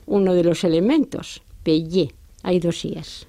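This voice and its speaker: A woman teaches, patient and didactic, drawing out each example word slowly so it can be copied. Her voice is mellow and soft. The sound is close and dry, as in a quiet studio. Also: medium pitch, lively intonation, no room sound. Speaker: French teacher. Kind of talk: explaining French pronunciation and grammar in Spanish.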